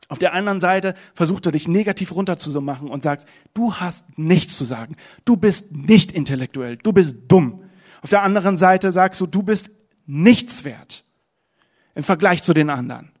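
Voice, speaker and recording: A young man giving a sermon in a fairly high voice. He talks to the congregation conversationally, then pushes up into urgent, emphatic runs and sinks to hushed, low phrases. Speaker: preacher.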